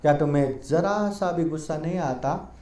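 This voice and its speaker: Monk doing proud brahmin, man, high voice, indignant questioning, echoey room. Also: moderate pace, dark tone, natural voice. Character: angry proud Brahmin man, later humbled.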